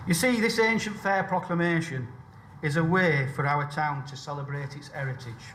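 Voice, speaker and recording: A man's voice: on the high side, moderate pace, fairly bright tone. A man giving a formal ceremonial speech with emphatic phrasing in an echoey room. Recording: echoey room, faint noise.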